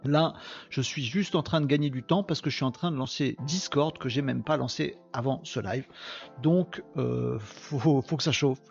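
Gravelly chatty host with a northern French lilt. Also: male voice, mid-range voice, moderate pace, a little mellow, dull audio, faint music behind. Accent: Picard (ch'ti) traces. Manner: chatty, self-mocking, talks to chat viewers. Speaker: podcast host. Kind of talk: casual live-stream chat.

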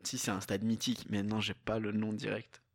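A man's voice: fairly low pitch, little pitch movement, brisk. A man from Portugal playing in a casual sports quiz, thinking aloud with hesitations and jokes. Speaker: quiz contestant.

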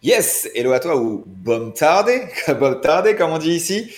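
A man's voice: fairly high pitch, big pitch swings, unhurried. Chatty man in an echoey room. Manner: rambling, chatty, many restarts. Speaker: podcast guest. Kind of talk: casual chat. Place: apartment room.

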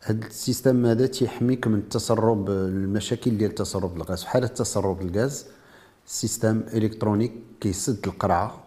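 A man's voice: fairly low pitch, darkish tone. A man with a Moroccan Arabic accent explaining and demonstrating a product in an interview, mixing French technical terms into his speech. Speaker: inventor presenting a product.

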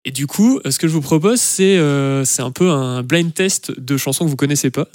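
A man co-hosting a podcast in a studio, running a game in a relaxed, hesitant way full of fillers. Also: fairly high pitch, normal speed, dry recording. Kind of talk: casual chat.

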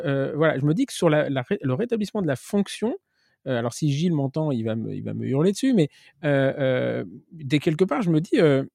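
A man's voice: on the high side, creaky, darkish tone, no room sound, clean studio sound. A man hosting a podcast, asking long, hesitant questions full of restarts. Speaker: podcast host. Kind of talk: casual podcast interview.

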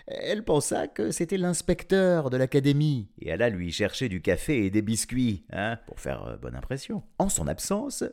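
A man reads a children's story aloud, his voice rising and falling in wide, lively swings. He is playful and adds chuckling little asides. His pitch sits in an ordinary middle range.

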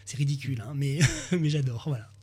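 A man's voice: medium pitch, fairly even intonation, a little fast, dark tone, breathy edge. A man chatting as a radio guest about his ukulele videos, with many fillers and restarts. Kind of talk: radio chat.

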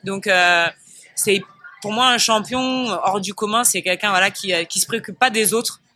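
Athlete guest: high, bright man, reflective and unhurried, casual interview talk. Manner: thoughtful, searching for words.

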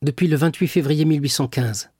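A man voicing a young sailor locked in prison, crying out and pleading in a raised, raspy voice. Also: a little high, a little fast, darkish tone, dry recording, studio quality, voice pushed up. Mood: eager. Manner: crying out, pleading, eager answers.

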